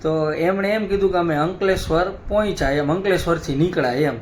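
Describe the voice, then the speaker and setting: Man, high voice, relaxed family-vlog storyteller, faint hiss behind. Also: fairly quick. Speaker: family vlogger. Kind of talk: casual chat.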